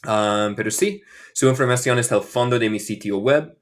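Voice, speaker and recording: This American man, born in Michigan with English as his first language, teaches English over a relaxed livestream. His pitch sits in the medium range, and his Spanish comes out halting, padded with fillers and switches back to English.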